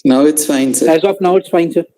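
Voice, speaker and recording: A man's voice: a little high, fairly quick, heavy background noise. A man who joins an online workshop and politely calls the trainer "sir". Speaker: workshop participant. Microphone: video call.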